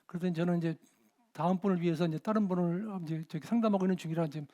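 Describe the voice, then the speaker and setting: A middle-aged man preaching a sermon as a pastor, telling a story with lively acted-out dialogue. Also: high-pitched, very fast. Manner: animated storytelling, shouting out quoted dialogue. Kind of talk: sermon with dramatized anecdotes.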